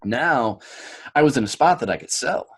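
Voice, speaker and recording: An American man telling his story as a podcast guest, blunt and animated, swearing freely. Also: medium pitch, moderate pace, breathy edge. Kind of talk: candid interview storytelling.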